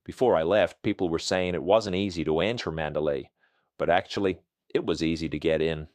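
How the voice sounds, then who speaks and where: A male journalist with an electronically disguised voice, answering interview questions in a halting, plain telling. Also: deep voice, darkish tone, no room sound, studio quality. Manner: halting, plain storytelling with pauses.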